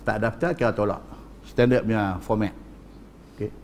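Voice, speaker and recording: A male preacher with a northern Malay accent giving a religious lecture, telling stories in an animated way, addressing the audience and repeating for emphasis. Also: fairly low pitch, moderate pace, a little hiss or hum. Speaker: Islamic preacher.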